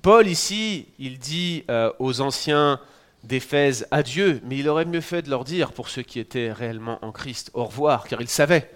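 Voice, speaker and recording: A man's voice: medium pitch, normal speed. A man in his forties from France with a French accent, giving a sermon as pastor in a conversational, teaching way with touches of humor. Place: church in Quebec.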